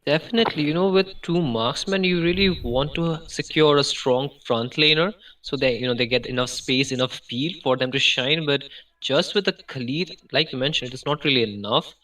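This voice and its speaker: A man's voice: medium pitch, moderate pace, pushed and bright, no echo. A man commentating a live esports match, analytical and full of "you know". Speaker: esports caster.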